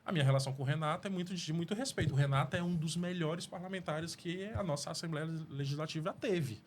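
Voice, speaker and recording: Earnest Cearense man, slightly high voice. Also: fast, a little hiss or hum. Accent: Cearense Portuguese. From Fortaleza, Brazil. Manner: earnest, rambling with restarts and frequent "né?". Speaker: mayoral pre-candidate guest. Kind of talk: studio interview answers. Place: podcast studio.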